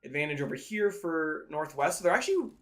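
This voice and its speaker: A man giving live play-by-play commentary on a video game match in an excitable announcer style. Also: a little high, a little fast. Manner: excitable announcer-style calls that swell at big plays. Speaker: esports commentator, play-by-play caller.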